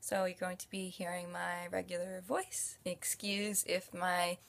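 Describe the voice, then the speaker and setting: A woman's voice: fairly low pitch, flat delivery, unhurried, vocal fry, a bit bright. A young woman with a New Jersey accent, talking openly in a rambling, casual vlog full of fillers. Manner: open, rambling, many fillers. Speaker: YouTuber.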